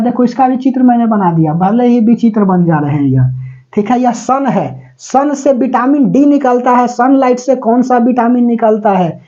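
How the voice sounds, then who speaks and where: A man's voice: very high-pitched, mellow, muffled recording. A male teacher giving a chatty classroom lecture, mixing English terms into his talk and often checking that students follow. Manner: mixes English terms into Hindi; breaks into snatches of song.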